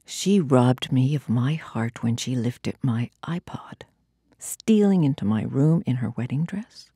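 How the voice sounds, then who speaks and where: This woman reads spoken-word poetry with a husky, deep, dark tone and lively intonation. Her theatrical, deliberate performance sinks into breathy, hushed moments, captured close and dry without any room sound.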